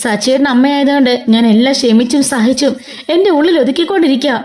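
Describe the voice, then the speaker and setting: A woman's voice: high-pitched, quick pace, darkish tone, close to an everyday voice. A woman voicing a hurt, pleading young wife. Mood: upset. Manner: pleading, upset.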